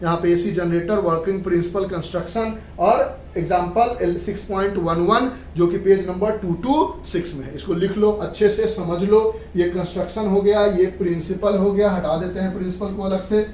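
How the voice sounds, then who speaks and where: Speaking at normal speed with hardly any pauses, a woman with a warm, mid-range voice gives a physics lecture. She's instructive, going back over points, checking comprehension and using English terms, recorded distantly in an echoey, noisy room.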